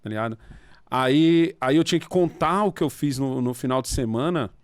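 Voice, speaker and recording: A man chats and tells stories in an easygoing, slangy way, at a middle pitch for a man. The sound is close and dry, recorded near the mic. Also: normal speed, no echo. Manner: chatty storyteller, slangy, tells anecdotes. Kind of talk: casual podcast conversation.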